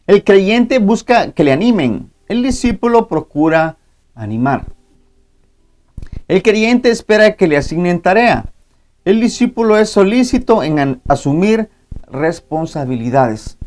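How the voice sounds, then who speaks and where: A man's voice: high voice, big pitch swings, unhurried, darkish tone. A man preaching a sermon as pastor, reading scripture aloud and often adding amén and ¿verdad? as he addresses his congregation as brothers. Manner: frequent interjected amén and ¿verdad?. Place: church.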